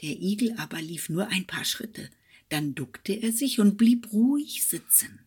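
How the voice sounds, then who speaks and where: A woman's voice: medium pitch, animated, measured pace, a little mellow, slightly rough. A woman reading a fairy tale aloud expressively, sometimes dropping to a whisper. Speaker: storyteller.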